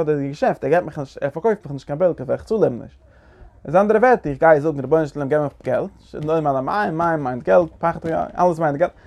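A man's voice: a little high, gravelly, a little mellow. A man giving a Torah lecture, asking rhetorical questions and restarting phrases often. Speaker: Torah teacher.

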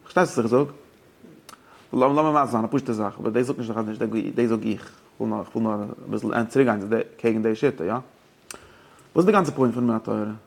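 Guy teaching religious law fast, gravelly voice, keeps asking his listeners questions. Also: on the low side. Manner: mixes German, English and Yiddish with rabbinic terms. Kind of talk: lively study-hall lecture.

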